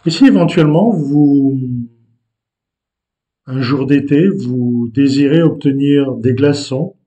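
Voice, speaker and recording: A male language teacher explains words at an unhurried, deliberate pace. His voice is mellow and dark, and he pauses and hesitates between phrases. He keeps a patient, explanatory manner throughout. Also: medium pitch, lo-fi sound. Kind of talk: explaining vocabulary to learners.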